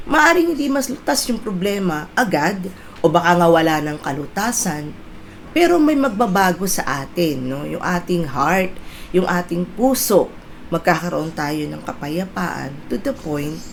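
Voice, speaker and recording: A woman's voice: lowish voice, slight background noise. A middle-aged woman pastor giving a conversational sermon in mixed Tagalog and English, often checking in with her listeners through short tag questions. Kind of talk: Taglish sermon exhortation.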